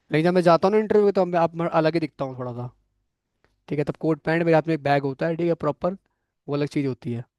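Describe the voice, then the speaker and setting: A man's voice: fairly high pitch, darkish tone, dry recording. Frank male coding instructor, dry sound. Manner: frank, coaching tone, frequent "theek hai" check-ins. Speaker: programming course instructor. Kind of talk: classroom lecture with live and online students.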